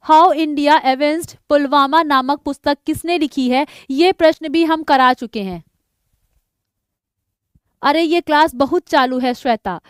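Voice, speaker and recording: A woman's voice: high-pitched, no echo, studio quality. A woman teaching a live exam-prep class, chatty and joking, drilling answers by repeating them and reading out student names. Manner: chatty, jokes about names.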